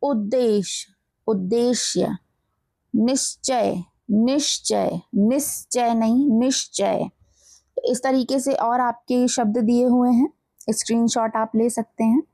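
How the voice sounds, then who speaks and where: A woman teacher explains grammar for an exam, speaking slowly and deliberately and saying each example word twice. Her voice sits a little high, and the recording is dry and close, with no room sound. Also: fairly even intonation, dark tone, no echo. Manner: slow, careful word-by-word dictation, repeating each word. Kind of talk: exam-prep grammar lesson.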